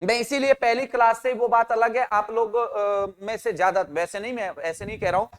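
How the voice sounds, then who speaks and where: A man's voice: sits high, fairly even intonation, moderate pace, fairly bright tone, in a large hall. A man teaching an English grammar class, asking his students questions and answering them himself, and calling out their names and answers. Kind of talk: online grammar lesson.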